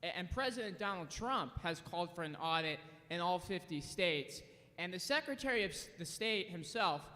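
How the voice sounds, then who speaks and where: A state representative with a high, bright, forceful voice gives insistent formal testimony in support of his bill. He sounds emphatic and persuasive, speaking in a legislative committee hearing room where a long hall reverb trails his words.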